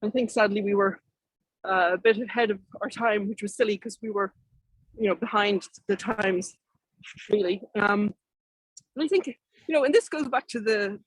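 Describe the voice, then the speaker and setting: A woman's voice: mid-range voice, husky, dry recording, poor audio. A woman with an Irish accent giving an informal, conversational keynote talk, often hesitating and rephrasing herself as she goes. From Ireland. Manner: hesitant, self-correcting, rambling delivery. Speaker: keynote speaker, artist and activist.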